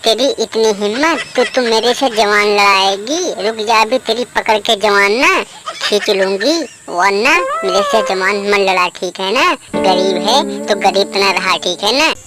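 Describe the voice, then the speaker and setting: An arrogant, lazy rich daughter-in-law, put on by a woman who also plays her sister-in-law in a homemade comedy skit. She talks down to everyone and makes threats. Music plays clearly in the background. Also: medium pitch, measured pace, close to an everyday voice. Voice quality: rude, threatening manner. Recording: music playing behind.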